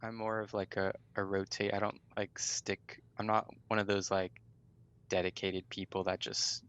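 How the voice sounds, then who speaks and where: A man's voice: fairly low pitch, flat delivery, moderate pace, fairly bright tone. A man in his twenties from California, a podcast guest who talks in a chill, easygoing, laid-back way. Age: 20s. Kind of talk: casual podcast chat.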